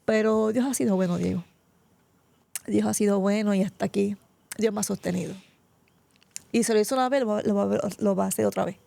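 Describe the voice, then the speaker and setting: A woman's voice: mid-range voice, steady tone, fairly quick, creaky, pauses often, mellow. A middle-aged woman pastor, giving a heartfelt, tearful testimony in an interview. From Puerto Rico. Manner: tearful, heartfelt storytelling, often addressing the host by name. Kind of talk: emotional personal testimony.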